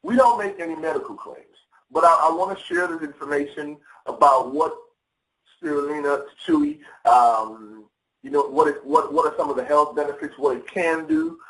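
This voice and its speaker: An excited man speaks on a phone call from a home office, often repeating words and calling his listeners "y'all". His voice sits a little high. The room is echoey, and he is well back from the mic. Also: moderate pace, recorded from a distance. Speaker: guest speaker on a sales call. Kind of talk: enthusiastic motivational call talk. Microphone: phone or conference line.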